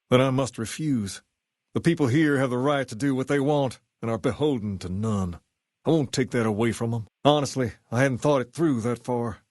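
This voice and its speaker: A male actor voices a charismatic gang boss styled on a rock-and-roll idol. He has a Southern US drawl at a middling pitch and talks in a folksy, measured, self-assured way. It is game dialogue with a dry, close sound. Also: a little mellow, no room sound, close to an everyday voice. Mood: firm, defiant. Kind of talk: video game character dialogue.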